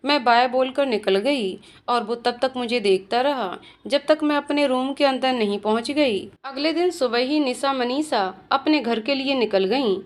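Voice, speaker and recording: A woman's voice: sits high, measured pace, hardly any pauses. A young woman narrating an emotional first-person story expressively, giving voice to each character herself. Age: young adult. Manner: expressive, playing every role herself.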